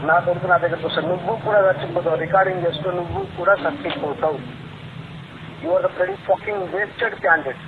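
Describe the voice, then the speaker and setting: A high-pitched man argues heatedly over a tinny phone line. He is confrontational and threatening, pressing the same demands and questions again and again. Strong noise runs through the recording. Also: fairly quick. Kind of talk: heated personal phone argument. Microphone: telephone line. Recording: leaked phone call, tinny, very noisy.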